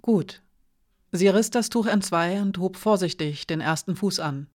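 A woman narrating an audiobook in a measured, expressive reading. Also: lowish voice.

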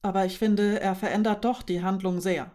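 A woman's voice: medium pitch, steady tone, moderate pace, warm tone, natural voice. A woman voicing Linoschka, a shy, dreamy young woman who speaks hesitantly and carefully.

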